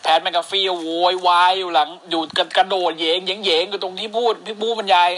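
A man's voice: high voice, steady tone, fast, a bit bright. Joking Thai man recapping wrestling. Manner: crude, joking, acts out wrestlers' lines. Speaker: podcast co-host. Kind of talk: casual wrestling recap chat.

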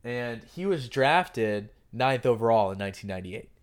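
A man at a middle pitch, holding forth in a loose, conversational podcast style. He is opinionated and often breaks off to restart his sentences. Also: expressive, moderate pace. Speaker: podcast host. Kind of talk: casual basketball talk.

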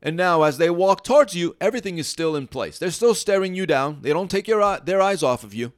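A man's voice: high voice, animated, a little fast, no room sound, studio quality. A man who trains dogs, giving an informal teaching talk and explaining through stories, with frequent restarts. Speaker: dog trainer.

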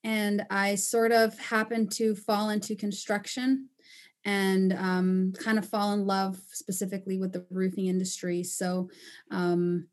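Panamanian woman chatting in an interview, spanish is her first language, lots of ums, open and candid. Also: medium pitch. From Panama and Costa Rica. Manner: candid and chatty, frequent um fillers. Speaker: construction company owner, guest. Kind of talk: casual interview.

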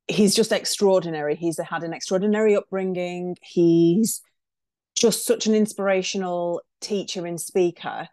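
A woman's voice: fairly low pitch, darkish tone, no room sound, studio quality. A woman hosting a podcast, talking in an enthusiastic, chatty way with lots of fillers. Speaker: podcast host. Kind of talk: podcast intro and interview.

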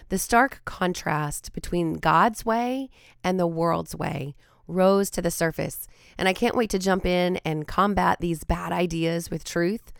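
A female Bible teacher hosts a devotional podcast, her fairly low, gravelly voice made hoarse and raspy by a cold. She speaks earnestly and reflectively, often pausing on "um" and starting sentences over. The recording is dry and close-miked.

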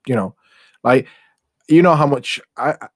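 A young man co-hosting a casual podcast who speaks in an earnest, direct way and often addresses the listeners. His voice is recorded dry, with no room echo at all. His pitch sits in an ordinary middle range. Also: normal speed. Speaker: podcast co-host.

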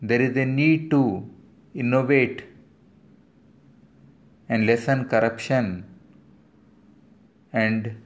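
Slow, deliberate man giving commentary. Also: mid-range voice. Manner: deliberate, formal phrasing in short segments. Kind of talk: measured prepared commentary.

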